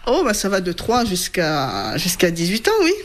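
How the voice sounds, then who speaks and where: A woman's voice: fairly low pitch, big pitch swings, moderate pace, a little hiss or hum. A woman in her thirties from Burgundy, a radio listener answering shyly and briefly in a casual interview at home. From Burgundy, France. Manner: shy, hesitant, short answers. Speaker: radio listener being visited.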